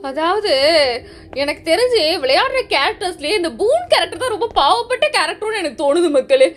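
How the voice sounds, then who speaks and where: A woman hosting a gaming channel, giving excitable, jittery commentary on a horror game and talking straight to her viewers. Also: very high-pitched, brisk.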